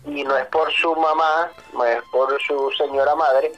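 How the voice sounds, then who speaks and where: Animated man telling a work story. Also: a little high, a little slow, muffled recording, faint music behind. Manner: animated, swears, addresses listener as brother. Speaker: podcast guest, mechanic. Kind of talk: casual storytelling.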